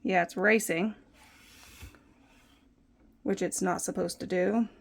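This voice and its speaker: A woman's voice: fairly low pitch, fairly even intonation, slow pace, vocal fry. A young woman hosting a casual soap-making vlog, chatty and self-deprecating as she talks through each step. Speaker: soap maker and channel host. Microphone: phone propped on a windowsill.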